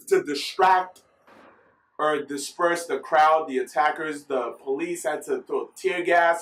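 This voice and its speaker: Filmed at home in the US, a football vlogger with a slightly high voice chats through the news in a casual, rambling way, correcting himself often. The sound is roomy and distant, with a little hiss or hum.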